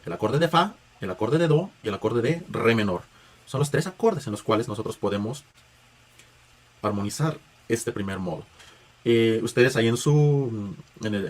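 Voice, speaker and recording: A man gives a patient spoken music lesson, guiding students through chant tones with filler words and restarts. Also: lowish voice. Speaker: music teacher.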